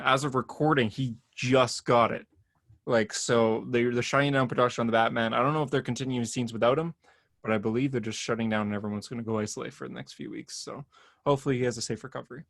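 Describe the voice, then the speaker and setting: A man's voice: medium pitch, a bit bright, no echo, clean studio sound. A man co-hosting a podcast, chatting casually about comic-book news, rambling a bit and laughing often. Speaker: podcast co-host.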